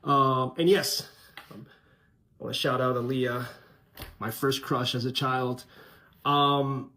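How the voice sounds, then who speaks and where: Man from Colombia, mid-pitched voice, frank casual vlog, conversational. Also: fairly even intonation, takes it slowly, bright, forceful tone, a little hiss or hum. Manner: frank, conversational, many fillers. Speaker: channel host.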